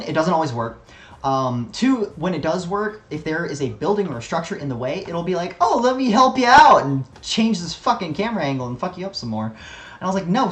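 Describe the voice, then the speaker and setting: A man's voice: fairly high pitch, reverberant. A man streaming a video game, ranting casually with frequent swearing and fillers. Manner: rambling, profane, lots of fillers. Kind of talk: casual gaming commentary.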